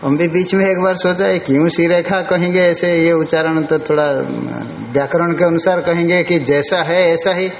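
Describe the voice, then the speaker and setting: An older male monk giving a scripture lecture, explaining slowly and chanting Sanskrit words with care. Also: on the high side, fairly even intonation, vocal fry. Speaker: monk teacher. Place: ashram hall. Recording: roomy, dull lo-fi recording with faint hiss.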